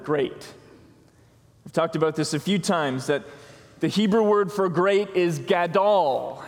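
A man preaching a sermon as pastor, slow and deliberate, pausing for emphasis on key words. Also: a little high. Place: church sanctuary. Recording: long reverb of a church hall.

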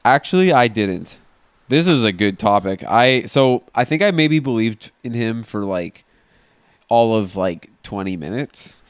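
A man's voice: fairly low pitch, expressive, unhurried, smooth. A young man in his twenties co-hosting a podcast, chatting casually and hesitantly with many fillers. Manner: hesitant, lots of ums and likes. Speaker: podcast co-host. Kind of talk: casual chat.

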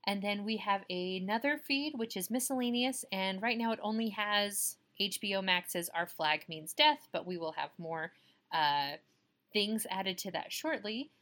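A woman's voice: mid-range voice, expressive, unhurried, fairly bright tone. A woman co-hosting a podcast, giving a chatty, thankful sign-off at home late at night on a poor-quality recording made without the usual microphone. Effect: poor sound quality, recorded without the usual microphone. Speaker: podcast co-host.

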